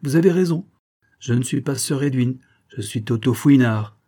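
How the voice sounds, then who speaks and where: A man's voice: medium pitch, moderate pace, mellow, slightly rough, pitched above the performer's own voice, lightly acted. A man voicing a cool, bold detective who speaks coldly and teases his opponent in a storybook reading. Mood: mocking. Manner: cold, teasing and self-assured. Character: cool, sly male detective, mocking and bold.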